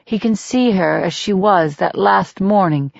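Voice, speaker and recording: Audiobook reader, woman, unhurried steady delivery, dark thriller narration, dry close sound. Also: medium pitch, gravelly, no echo, dull audio. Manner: measured, steady and deliberate reading.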